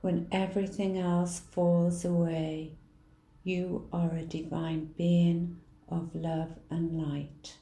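A woman leading a guided healing meditation in a soft, soothing manner. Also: lowish voice, little pitch movement. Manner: soft, slow, soothing delivery. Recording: roomy echo.

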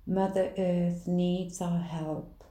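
A woman leading a guided healing meditation in a soft, soothing manner. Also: fairly low pitch, little pitch movement. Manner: soft, slow, soothing delivery. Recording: roomy echo.

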